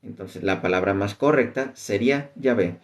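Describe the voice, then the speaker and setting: A man teaching an informal class on the Bible, talking loosely and often pausing on "este". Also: on the low side. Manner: conversational, many fillers like "este".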